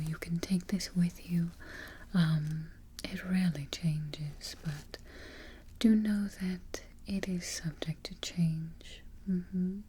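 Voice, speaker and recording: A woman playing an imperious, fussy, vain evil queen in a darkly comic ASMR roleplay, with a soft, breathy near-whisper, close to the microphone and haughty in her phrasing. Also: on the low side, exaggerated voice. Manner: deliberate, haughty, formal phrasing.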